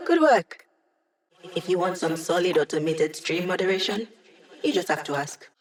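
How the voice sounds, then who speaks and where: A woman's voice: fairly low pitch, animated, normal speed, some chatter behind, lightly acted. A woman voicing a playful young female hacker in a video game, with a casual, wry, teasing manner.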